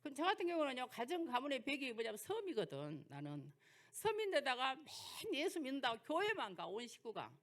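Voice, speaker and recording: Speaking a little fast with a fairly bright tone, an older woman from Jeolla, South Korea, pitches her high voice through huge swings. As a pastor with a Jeolla dialect, she lectures a sermon built on homey personal stories and rhetorical questions.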